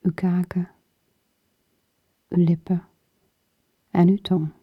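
A woman guiding a muscle relaxation exercise in short, soothing phrases, her soft breathy voice often falling toward a whisper. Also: fairly low pitch, level tone. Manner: slow, soothing, with pauses between short phrases. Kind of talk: guided muscle relaxation instruction. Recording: dull lo-fi recording with room echo.

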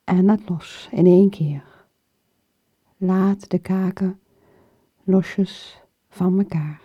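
A woman guiding a muscle relaxation exercise in short, soothing phrases, her soft breathy voice often falling toward a whisper. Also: on the low side, fairly even intonation. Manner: slow, soothing, with pauses between short phrases. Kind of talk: guided muscle relaxation instruction. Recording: dull lo-fi recording with room echo.

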